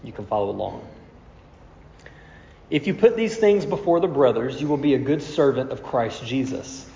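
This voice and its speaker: A pastor with a medium-pitched, darkish voice teaches through scripture in an explanatory, step-by-step way, dropping in rhetorical questions. He's recovering from a cold and preaching to a congregation in a large hall, recorded with echoey reverb and a slightly dull tone.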